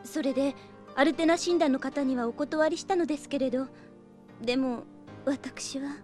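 Audio drama: female actor as gentle, troubled young priestess sister, high voice, polite and hesitant, music underneath. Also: moderate pace, natural voice. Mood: troubled, apologetic. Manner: refined, courteous, hesitant. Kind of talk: Japanese audio drama acting.

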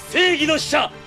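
An actor playing a pompous, earnest older brother who poses as a masked knight of justice, speaking in formal, grandiose phrases in an audio drama. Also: male voice, sits high. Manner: formal, archaic, theatrical and grandiose. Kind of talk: Japanese audio drama acting.

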